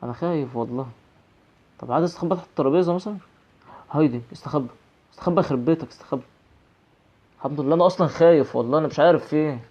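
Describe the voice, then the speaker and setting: A man's voice: on the high side, racing, pauses often, a little mellow, muffled recording. A young man with an Egyptian Arabic accent giving horror game commentary, jumpy and nervously rambling. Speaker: gaming channel host.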